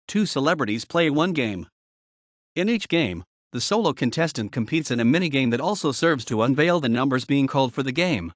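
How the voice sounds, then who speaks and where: A man's voice: fairly high pitch, no echo, studio quality. A man reading scripted informational narration aloud in a matter-of-fact, expository way. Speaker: narrator reading an encyclopedia article.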